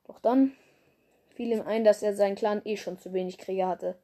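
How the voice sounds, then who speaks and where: A woman's voice: mid-range voice, fairly even intonation, moderate pace, dark tone. A young woman reading her own fanfiction aloud, casual and stumbling over words as she corrects herself.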